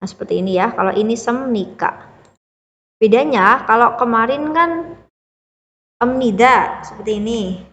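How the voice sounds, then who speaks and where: A woman's voice: fairly high pitch, lively intonation, a little slow, pauses often, fairly bright tone, in a large hall, lo-fi sound, a little hiss or hum. A woman teaching a beginner language lesson, explaining patiently step by step and checking in often with the listener. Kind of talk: classroom-style lesson explanation.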